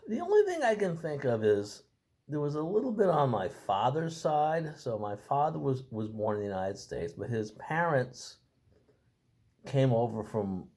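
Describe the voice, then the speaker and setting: Older man, lively pitch. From Boston, Massachusetts. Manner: rambling, halting, with many restarts. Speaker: interviewee. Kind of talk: casual family-history interview.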